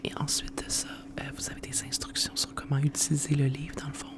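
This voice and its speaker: Casting: ASMR host, Quebec French accent, soft library whisper throughout, informal and unhurried book presentation. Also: medium pitch, little pitch movement. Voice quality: hushed, unvoiced library whisper.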